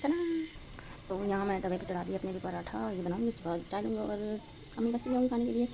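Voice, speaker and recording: A young woman with a Pakistani Urdu accent chats quickly and loosely, full of fillers, as she cooks breakfast at home. She holds the phone in her hand as she talks. The home recording has a clear layer of background noise under her voice. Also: medium pitch, fairly even intonation. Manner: rambling, chatty, full of fillers. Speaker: vlogger. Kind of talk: casual chat vlog while cooking. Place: home kitchen, indoors. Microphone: handheld phone.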